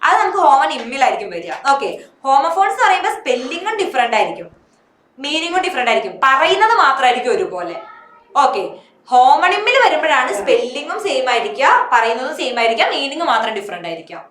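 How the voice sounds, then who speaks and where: A Malayali-accented woman teaches an online English class, putting a question to her students and then answering it herself. Her voice sits high and sounds bright. The room around her adds a noticeable echo. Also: big pitch swings, fast talker, a little hiss or hum.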